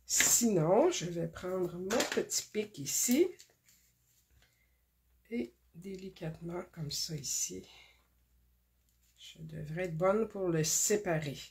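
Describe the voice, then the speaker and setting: A woman hosts a card-making tutorial, talking slowly and carefully through each step with many pauses and fillers. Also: on the low side, expressive. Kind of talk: casual craft demonstration.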